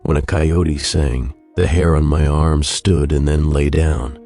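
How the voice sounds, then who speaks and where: A man with an extremely low, bassy voice delivers creepypasta horror narration. He reads the first-person story in a measured, somber way. Music plays behind his voice. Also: level tone, dark tone.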